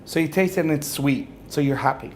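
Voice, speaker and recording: A man's voice: a little high, a little fast, a little hiss or hum. A religious speaker, a man, telling a humorous personal story to an audience, acting out the dialogue and often laughing.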